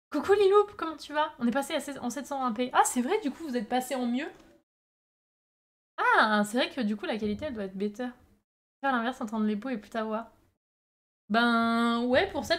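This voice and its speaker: Female streamer, slightly high-pitched, informal chat with viewers, hesitant stop-and-start delivery. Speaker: live streamer making pottery.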